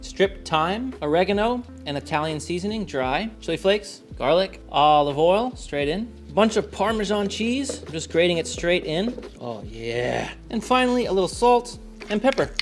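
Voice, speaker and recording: A man's voice: sits high, animated, moderate pace, soft background music. A man hosting a casual home cooking video, chatting to his viewers as he works. He stays upbeat and slips in jokes. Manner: upbeat, joking, talks to viewers. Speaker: cooking show host.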